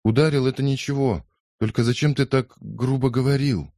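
A man voicing a gentle, timid young woman who pleads softly in an audiobook. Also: mid-range voice, steady tone, normal speed, dry recording, clean studio sound, pitched above the performer's own voice, close to an everyday voice. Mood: pleading. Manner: soft, pleading.

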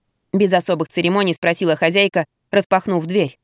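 A woman narrating a first-person audiobook in a lively way, jumping higher on the heroine's own lines. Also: a little fast, dry recording, studio quality.

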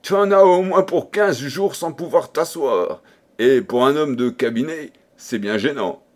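A man's voice: a little high, measured pace. A man voicing a blustering old general in a storybook, teasing a beaten friend. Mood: mocking.

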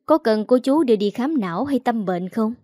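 A woman voicing a poised older wealthy woman who speaks calmly and teasingly. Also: a little high, no echo, studio quality. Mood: coolly teasing. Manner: calm, teasing, unhurried.

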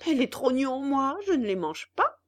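Woman voicing a squeaky, bratty puppet boy, fussy and whiny, storybook reading. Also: lively intonation, a little slow, a little mellow. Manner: whining and demanding, fussy.

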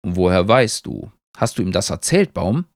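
A small, cautious beetle from a spoken storybook talks in a measured, lively low voice, as a male reader puts him on. There is a gravelly grain, and the sound is dry and close. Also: no echo. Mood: puzzled.

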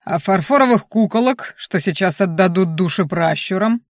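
A woman's voice: mid-range voice, animated, moderate pace, no room sound, clean studio sound, lightly acted. A woman voicing a hulking male orc chieftain who teases and guffaws in an audiobook. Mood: mocking. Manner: guffawing, teasing.

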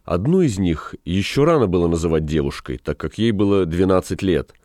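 A man reading a novel aloud as audiobook narrator, measured and expressive. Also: deep voice, no room sound, clean studio sound. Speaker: audiobook reader.

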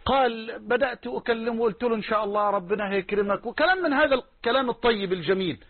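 Egyptian preacher, man, high husky voice, repeats for emphasis, tinny phone-like recording. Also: quick pace. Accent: Egyptian Arabic. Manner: impassioned, repeats phrases for emphasis, swears oaths. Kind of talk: sermon.

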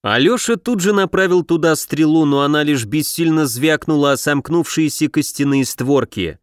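A man's voice: on the high side, normal speed, no room sound, clean studio sound. A man narrating a fantasy audiobook in a scripted reading voice.

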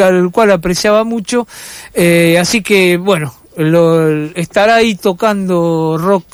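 A man's voice: high voice, clear, resonant tone, no room sound. A middle-aged man with a Rioplatense accent, hosting a casual radio chat and talking reflectively with many hesitations. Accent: Rioplatense Spanish. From Argentina. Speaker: radio host. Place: radio studio.

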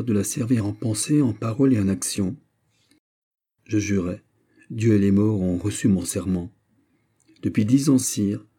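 A man voicing a gracious, modest young nobleman soldier in an audiobook, speaking softly, earnestly and courteously. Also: fairly low pitch, close to an everyday voice. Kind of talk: audiobook character voice.

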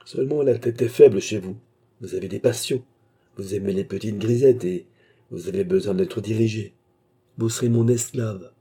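A man's voice: fairly low pitch, moderate pace, dark tone, husky. A man voicing a cold, scheming male baronet who dominates the man he is speaking to, in an audiobook reading. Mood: cold, commanding.

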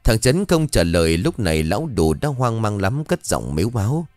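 Low-voiced male storyteller, animated. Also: normal speed, no room sound. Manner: animated, dramatic telling. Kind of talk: ghost story narration. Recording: dry studio voice with faint music.

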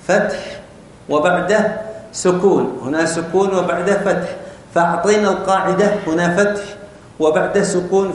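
Man teaching in a very echoey classroom. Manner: explains step by step, often asks the class questions. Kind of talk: classroom lesson on spelling rules. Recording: very echoey room with faint rumble.

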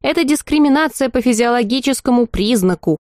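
A woman voicing an indignant three-headed male dragon who yells and shrieks his complaints in an audiobook. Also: lively intonation, a little fast, no room sound, clean studio sound, lightly acted. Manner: shrill, yelling.

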